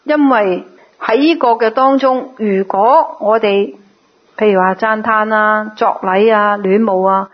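A woman teaching a Buddhist sutra in a sermon, explaining patiently and now and then mimicking others in a lively voice. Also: mid-range voice, a little slow, muffled recording.

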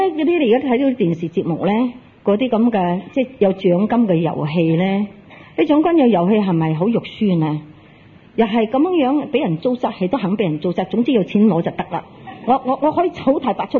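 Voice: mid-range voice, husky. A Buddhist teacher giving a Dharma talk, telling a Zen story, acting out its dialogue and putting questions to the audience. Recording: tinny, lo-fi phone-like recording.

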